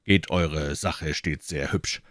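A man plays a suspicious police commissioner in a storybook reading, speaking slowly and gravely from low in the chest. The voice is dry and close to the mic. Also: steady tone, a bit bright, no room sound, exaggerated voice. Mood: scornful.

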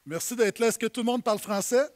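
Québécois man addressing a congregation. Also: very high voice. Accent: Québécois French. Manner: warm, halting, many fillers. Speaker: church leader.

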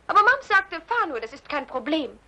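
A woman's voice: very high-pitched, very animated, normal speed, sharp tone, full character voice. A woman dubbing a cheerful young married daughter in a German film, talking in a breathless chatter. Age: young adult.

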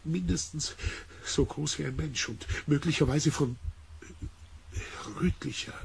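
An actor playing a shaken male scientist in a German radio play, halting and agitated. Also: a little high, vocal fry, a little hiss or hum. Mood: shaken, groping. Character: shaken male expedition scientist, insisting on his sighting.

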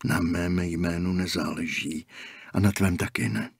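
A man voicing a hushed, cryptic old attendant. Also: low voice, flat delivery, no room sound, studio quality, full character voice. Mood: calm, cryptic. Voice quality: husky, hushed, half-whispered. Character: calm, cryptic older male gas station attendant. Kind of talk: audiobook character voicing.

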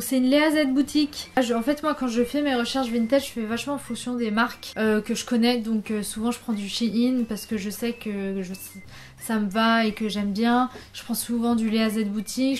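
Young female vlogger, high-pitched, bubbly and chatty with many fillers, casual try-on haul talk. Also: steady tone, moderate pace. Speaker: fashion vlogger.

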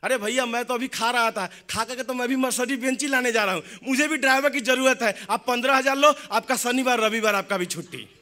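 A man's voice: extremely high pitch, a little fast, few pauses, bright, forceful tone, exaggerated voice. A man voicing an easygoing male neighbor in a lungi who answers casually. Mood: offhand.

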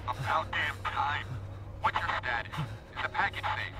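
An actor playing a clipped, commanding soldier on a radio channel in a video game. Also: male voice, a little high, moderate pace, natural voice, low-quality recording. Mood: curt. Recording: game audio under loud music.

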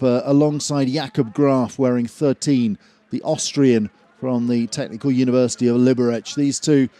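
A man commentating on a cross-country ski race, measured and full of fillers, rising in energy near the finish. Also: medium pitch, dark tone. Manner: measured, hesitant with frequent fillers, builds at the finish. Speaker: sports commentator.

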